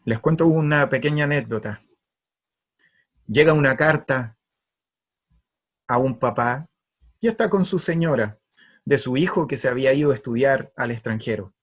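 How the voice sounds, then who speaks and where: A man's voice: mid-range voice, slightly rough. A man giving an earnest, emphatic spiritual talk. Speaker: spiritual speaker.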